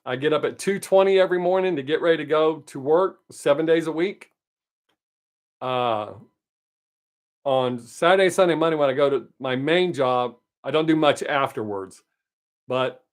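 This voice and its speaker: A man in his late fifties hosts a casual livestream, chatting upbeat with viewers and answering them by name. His voice is a little high, his pace moderate, and he leaves long pauses.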